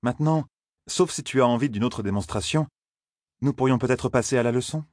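A man's voice: mid-range voice, brisk, darkish tone, no room sound, studio quality, lightly acted. A man voicing a stern, powerful older woman who leads an order of sorceresses, with a cool, condescending and mocking manner.

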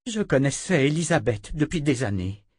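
A man's voice: mid-range voice, very animated, moderate pace, a little mellow, breathy edge, dry recording, studio quality, pitched above the performer's own voice. A man voicing a stern, cold, commanding sister who wields magic in an audiobook.

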